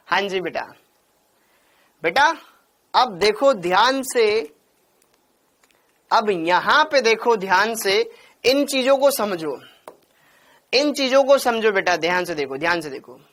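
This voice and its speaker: A man's voice: sits high, expressive, slow, pauses often, a bit bright. A man teaching chemistry in an online class, drilling points over and over and scolding students by name. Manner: calls students by name and "beta".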